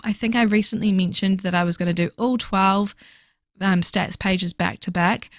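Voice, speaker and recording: A book vlogger records a relaxed voiceover for her reading journal video, talking fast and chattily with plenty of fillers. Her medium-pitched voice is a bit hoarse, and the audio is clean studio sound with no echo.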